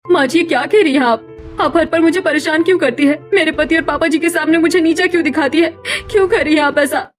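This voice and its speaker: A woman's voice: high-pitched, quick pace, soft background music, lightly acted. A woman voicing a meek, pleading young wife. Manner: pleading, gentle. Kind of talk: cartoon story voice acting.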